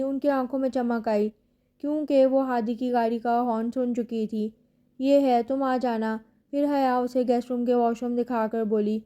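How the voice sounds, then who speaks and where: A woman narrating a romance novel audiobook in a steady storytelling manner. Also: fairly high pitch, lo-fi sound. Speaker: novel reader.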